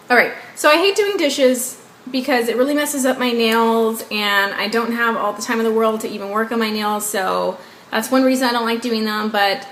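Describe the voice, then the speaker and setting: A beauty vlogger in her twenties from the Southern US, speaking English as a second language with a Southern accent, chats to viewers in a rambling, upbeat way and often asks them to guess. Her mid-range voice is a bit bright with vocal fry. The room sounds echoey, with faint background noise.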